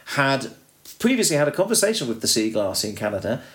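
A man's voice: mid-range voice, big pitch swings, a little fast, fairly bright tone. A man from the UK co-hosting a podcast in casual chat, rambling along with restarts and fillers. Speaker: podcast co-host.

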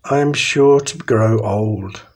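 Slow, calm male meditation guide. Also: lowish voice. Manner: slow, calm, soothing instructions.

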